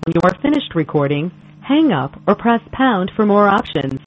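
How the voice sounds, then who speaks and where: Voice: medium pitch, normal speed, a little hiss or hum. Automated voicemail prompt, formal and bouncy, muffled phone sound. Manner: even, formal announcer delivery. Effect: automated voicemail greeting. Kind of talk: recorded phone system prompt. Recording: dull lo-fi phone audio.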